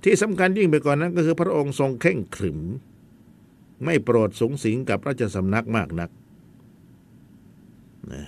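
A man's voice: fairly high pitch, very animated, normal speed, vocal fry, pauses often. A man teaching a history lesson in a chatty storytelling way, with asides to his students.

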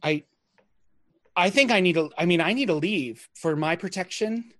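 A man's voice: high voice, normal speed, a bit bright, no echo. A man serves as game master for a tabletop session, narrating events and rules with frequent hesitations and filler words. The sound is dry and close, with little room behind it. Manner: hesitant, filler-heavy, laughing asides.

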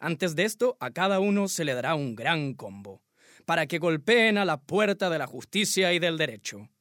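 A man reading an old newspaper text aloud in a sardonic, deliberate way. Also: a little high, big pitch swings, a bit bright, dry recording, clean studio sound.

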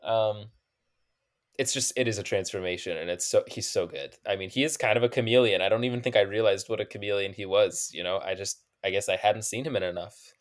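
A man's voice: fairly low pitch, steady tone, a little fast. A young man co-hosting a podcast, chatting casually about a film, peppering his talk with "like". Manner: chatty, frequent "like" fillers, laughs easily. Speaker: podcast co-host.

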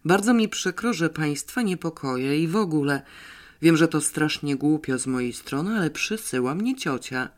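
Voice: medium pitch, lively intonation, moderate pace, lightly acted. A reader voicing a flustered, talkative young man who rambles and apologizes. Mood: apologetic, eager. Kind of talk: audiobook character voice.

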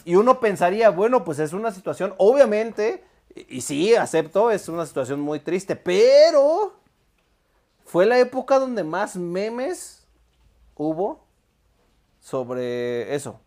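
Mexican man co-hosting a chatty podcast, loose and slangy, quick to laugh. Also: sits high. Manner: laughs easily, slangy and animated. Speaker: podcast co-host. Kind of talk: casual chat.

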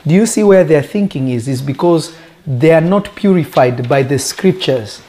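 This sermon comes from a native Lingala speaker teaching in a conversational style, his phrasing emphatic and deliberate and full of rhetorical questions. His voice is a little high and warm, with lively intonation.

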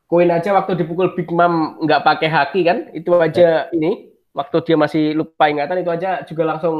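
A podcast co-host casually chats about a manga chapter, hesitant, full of fillers and laughing often. His voice is on the high side, brisk, with little pitch movement, and the audio sounds dull.

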